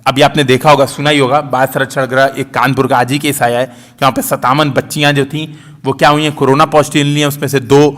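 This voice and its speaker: A man's voice: medium pitch, little pitch movement, fast talker, fairly bright tone. A man teaching exam answer writing in a casual, conversational way, explaining step by step and checking in with the class often.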